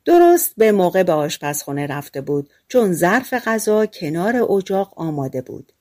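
A woman reading a fairy tale aloud as an audiobook narrator, lively and giving the characters their own lines. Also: on the low side. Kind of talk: storybook narration.

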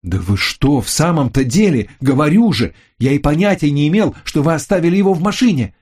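A man's voice: medium pitch, very animated, moderate pace, darkish tone, slightly rough, pitched above the performer's own voice. A man voicing an accused man who protests in exasperation. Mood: exasperated.

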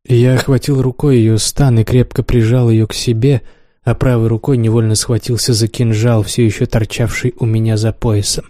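A man reading a classic novel aloud in a measured, even storytelling manner. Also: mid-range voice, no room sound, studio quality. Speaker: narrator. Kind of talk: literary audiobook narration.

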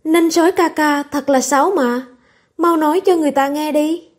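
A woman's voice: sits high, normal speed, natural voice. A woman voicing a teasing, nosy young woman who pesters and coaxes for gossip in a storybook reading. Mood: wheedling. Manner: coaxing, pestering.

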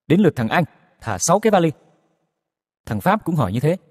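A man telling a joke at a brisk clip, with fillers. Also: a little high, sing-song, a little mellow, big-room sound. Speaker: joke teller. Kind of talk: telling jokes.

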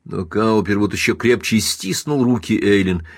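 Low-voiced male audiobook narrator. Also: husky, no room sound, studio quality. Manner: dramatic, measured reading. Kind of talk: scripted narration of a classic novel.

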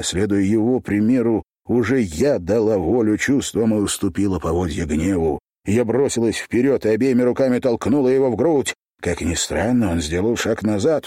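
Low voiced man reading an audiobook, steady, dry close sound. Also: slightly rough, no echo. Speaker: audiobook narrator. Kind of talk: audiobook narration.

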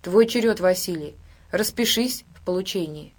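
A woman voicing a stern older male miner who speaks curtly and gruffly. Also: fairly low pitch, moderate pace, natural voice. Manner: gruff, curt.

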